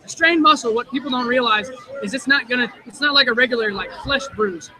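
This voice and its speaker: An injured wrestler in his twenties speaks earnestly and with self-assurance in plain terms during a casual interview at a live wrestling show. His voice is very high and brisk, in a low-quality recording full of crowd noise.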